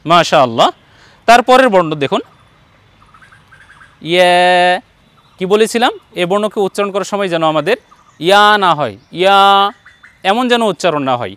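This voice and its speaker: A man's voice: high voice, big pitch swings, fast, fairly bright tone, no room sound. A man with a Bangladeshi Bengali accent, teaching Quran letter pronunciation online and patiently repeating each sound for his students.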